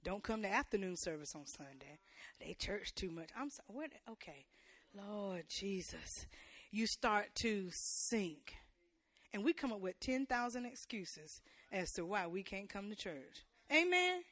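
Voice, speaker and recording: Delivering a church sermon, this woman preacher uses call-and-response and lighthearted asides to her congregation, rising to loud, forceful climaxes. She speaks at a normal pace in a mid-range voice, very animated, with no room sound.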